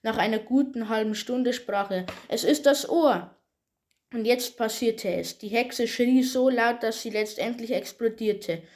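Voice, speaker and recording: A woman reading a fairy tale aloud in a plain, steady way, with occasional small slips. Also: a little high, normal speed, few pauses. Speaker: storyteller.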